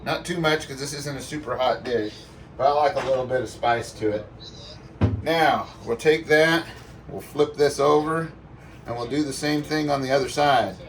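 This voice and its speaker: A man's voice: medium pitch, normal speed. A man giving a casual, folksy cooking demonstration in a playful way, as a home cook talking viewers through a recipe. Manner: folksy, playful sound words and exclamations. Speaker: home cook presenting a cook-along. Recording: distant mic, faint background noise.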